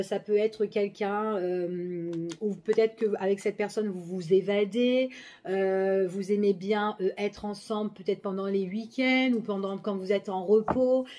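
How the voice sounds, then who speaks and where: A woman's voice: mid-range voice, a little slow, dark tone. A woman giving a casual general tarot reading, chatty and full of fillers, often checking in with the listener. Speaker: tarot card reader.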